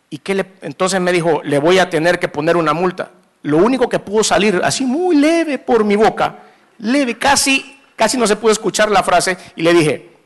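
A man with a Salvadoran accent preaching a sermon, telling a story with humor and acting out the scenes. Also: sits high. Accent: Salvadoran Spanish. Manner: animated, acts out scenes, mixes humor into preaching.

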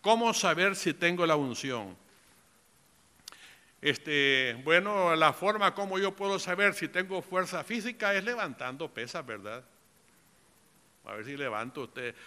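Male pastor, very bright and smooth clear tone, fervent sermon that swells from hushed to loud, church-hall reverb. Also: a little slow. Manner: builds from low asides to loud impassioned preaching; calls the audience "brothers" after nearly every phrase.

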